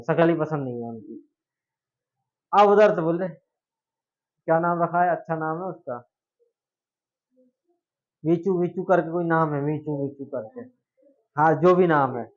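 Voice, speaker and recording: A male law teacher giving a classroom lecture, chatty and jokey, often asking his students questions. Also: fairly high pitch. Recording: dull lo-fi classroom recording.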